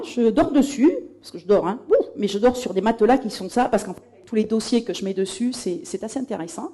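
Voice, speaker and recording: A woman giving a conference talk, telling lively anecdotes from her career and acting out past exchanges. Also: mid-range voice, slightly rough. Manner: lively storytelling, acting out past dialogues with laughs. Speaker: conference speaker. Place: conference room.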